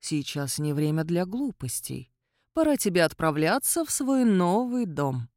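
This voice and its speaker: A woman reading an audiobook voices an ancient male vampire count who speaks in a quiet, measured and coolly superior way. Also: fairly high pitch, sing-song, dry recording, studio quality. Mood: cool, menacing. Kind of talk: audiobook character voice.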